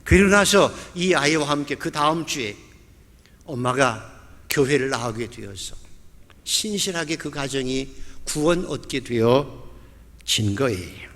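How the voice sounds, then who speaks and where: A man's voice: medium pitch, lively intonation, a little slow, pauses often, a bit bright. Male pastor, sermon, vivid storytelling, acts out quotes, long church reverb. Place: church sanctuary.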